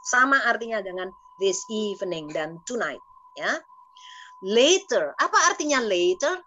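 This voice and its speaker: A woman's voice: mid-range voice, very animated, a little slow, sharp tone, muffled recording. A woman with an Indonesian accent teaching an English lesson over a video call, patiently repeating words for the class to copy.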